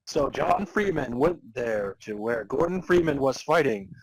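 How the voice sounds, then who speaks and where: In an unhurried mid-range voice with lively intonation, a man reads fan fiction aloud for his podcast, acting as narrator. He treats the amateur text with mock-serious drama, and the recording sounds rough.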